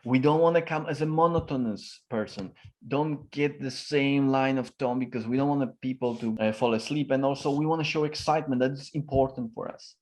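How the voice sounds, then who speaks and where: In a medium-pitched, somewhat dark voice, a man responds fairly quickly to interview questions in his role as a communication expert. He speaks emphatically, shifts his tone a great deal, and uses plenty of fillers.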